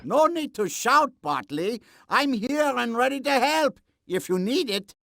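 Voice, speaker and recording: An actor voicing a calm, patient talking Beethoven helper in an educational game. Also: mid-range voice, measured pace, gravelly, full character voice. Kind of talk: 1990s educational game voice acting.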